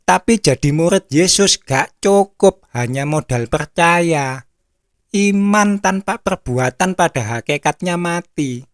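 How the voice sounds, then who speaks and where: A man's voice: a little high, animated, takes it slowly, no room sound, studio quality. A man preaching a sermon, telling a story in a blunt, repetitive way.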